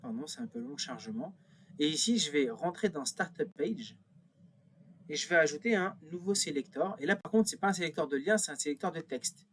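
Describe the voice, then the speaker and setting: A man's voice: on the high side, lively intonation, a little fast, fairly bright tone, a little hiss or hum. A man thinking aloud through a screen-recorded tutorial, with many fillers and self-corrections as he clicks. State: a bit nervous. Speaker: instructor.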